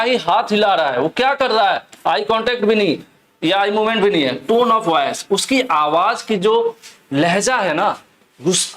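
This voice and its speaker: High-voiced man teaching an exam lesson. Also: a bit bright. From Uttar Pradesh, India. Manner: explains step by step, asks and answers his own questions. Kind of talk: exam question walkthrough lesson.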